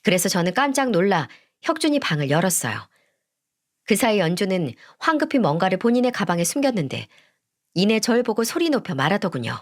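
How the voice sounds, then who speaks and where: A middle-aged woman narrating a first-person family story, gentle, polite and reflective. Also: medium pitch, sing-song, fairly quick.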